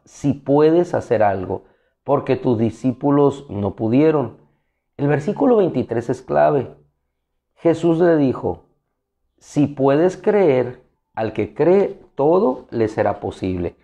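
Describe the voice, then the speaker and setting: A man preaching a devotional sermon, slow and deliberate, repeating key phrases for emphasis. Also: mid-range voice, dark tone. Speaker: pastor.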